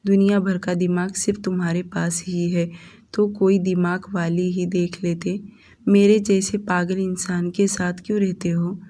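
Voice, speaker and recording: A woman's voice: on the low side, mellow. A woman voicing a young wife who answers her husband bitterly on a call, in a storybook romance. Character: young wife, hurt and angry.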